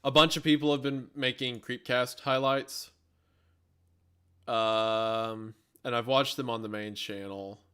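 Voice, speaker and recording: A man's voice: medium pitch, steady tone, unhurried, a bit bright, clear, resonant tone. A man with a Southern US accent chatting casually on a live stream, rambling and self-mocking. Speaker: streamer and podcast host.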